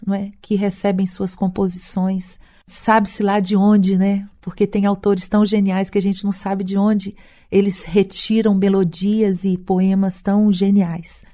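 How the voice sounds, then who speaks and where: A woman's voice: medium pitch, mellow. A woman singer speaking thoughtfully in an interview, often adding a questioning tag to her sentences. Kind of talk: reflective interview talk.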